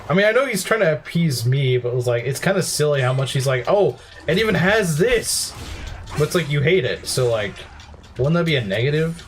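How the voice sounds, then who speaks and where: Animated young man gaming. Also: mid-range voice, slight background noise. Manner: animated, quick to complain and laugh. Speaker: let's play host. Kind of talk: casual gaming commentary.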